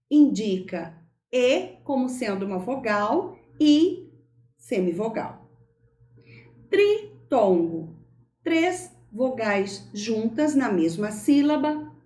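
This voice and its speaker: A woman teacher giving a recorded school lesson, speaking slowly and stressing words carefully for young pupils. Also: on the high side, dark tone, roomy sound.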